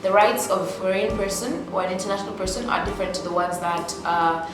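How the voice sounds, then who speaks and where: A woman's voice: mid-range voice, steady tone, a little fast. A woman from Tanzania, an international student, earnestly explaining the limits students face. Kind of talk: documentary interview. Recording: very echoey room with music.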